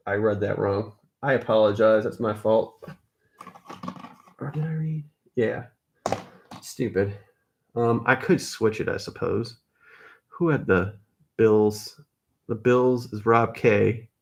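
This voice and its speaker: Slow, gravelly man running a card break. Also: fairly low pitch. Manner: casual, addresses viewers by name, corrects his own mix-ups. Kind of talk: live card break stream chat.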